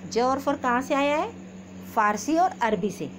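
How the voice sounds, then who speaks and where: Slow, patient woman teaching grammar. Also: high-pitched, lively intonation. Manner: slow, patient, repeats questions and answers, calls pupils "beta". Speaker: school teacher. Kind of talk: recorded Hindi grammar lesson for young pupils. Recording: noisy background hiss.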